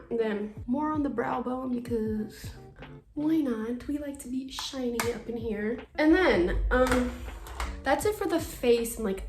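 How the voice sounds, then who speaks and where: A chatty young woman with a slightly high voice talks casually through a makeup routine and rambles into self-deprecating asides. She sounds a little out of breath. She is filmed on a phone in an echoey room with faint music behind her. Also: a little mellow. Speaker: beauty vlogger. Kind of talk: casual makeup tutorial chat. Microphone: phone camera.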